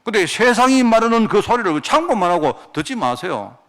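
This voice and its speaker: A male pastor delivering a sermon with a high, lively voice that climbs and dips all over. He keeps tossing rhetorical questions at the congregation. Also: brisk. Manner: animated preaching with rhetorical questions.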